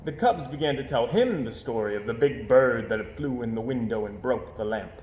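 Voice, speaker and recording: With a roomy echo and a little background noise behind him, a storybook reader narrates a children's tale. His voice sits in the middle range, moving at an even, moderate pace with lively expression.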